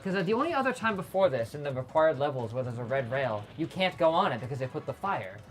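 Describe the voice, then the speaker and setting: Low-voiced woman in lively gaming chat. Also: fast talker. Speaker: gaming host. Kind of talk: casual let's play chat. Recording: game music behind voice. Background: video game music.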